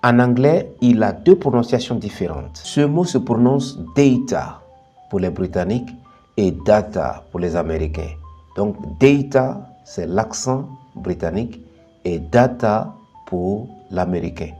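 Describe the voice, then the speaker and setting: Mellow-voiced man teaching pronunciation. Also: on the low side, animated, soft background music. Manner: slow, deliberate modelling of word pairs. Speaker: English teacher, channel host. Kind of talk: bilingual pronunciation lesson.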